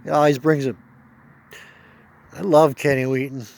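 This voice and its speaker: A man's voice: medium pitch, flat delivery, moderate pace, gravelly, a little mellow. A man talking casually to camera outdoors as a sports fan, exasperated and emphatic, repeating himself as he rants. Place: outdoors at sunset, walking his dog.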